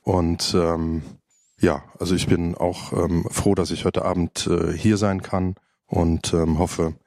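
A man in his late fifties with a very deep voice introduces himself hesitantly, often pausing with filler sounds. The sound is dry and close. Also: little pitch movement, vocal fry, a little mellow, no echo. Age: 50s. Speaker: panel guest.

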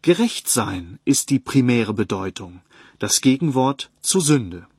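Ein Mann, der ruhig und gemessen eine Predigt vorliest und dabei Bibelstellen angibt. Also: male voice, mid-range voice, breathy edge, no echo, clean studio sound. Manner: calm, measured, citing verses. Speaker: Bible teacher. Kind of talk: read sermon on a Bible text.

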